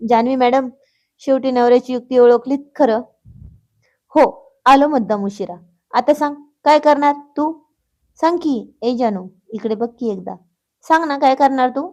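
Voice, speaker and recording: A woman's voice: sits high, normal speed, pauses often, mellow, natural voice. Woman voicing a teasing, mock-stern husband. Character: playful teasing husband, adult man. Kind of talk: acted dialogue in a read story.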